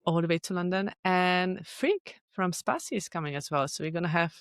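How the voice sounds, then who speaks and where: A woman's voice: on the low side, brisk, no room sound, studio quality. A woman co-hosting a podcast in a casual chat, giggly, hesitant and self-deprecating. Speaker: podcast co-host and meetup organizer.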